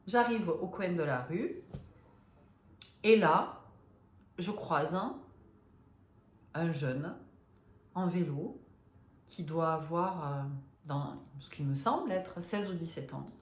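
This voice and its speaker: Woman, 50s, low voice, halting confiding storyteller, echoey room. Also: animated. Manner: hesitant, many fillers and restarts; emotional, confiding. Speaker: spiritual vlogger. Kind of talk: personal storytelling to viewers. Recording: roomy echo.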